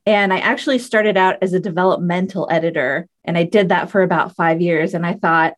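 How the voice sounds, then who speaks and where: A woman's voice: lowish voice, fairly quick. A woman talking as a podcast guest in an informal, enthusiastic, conversational way. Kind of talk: conversational interview.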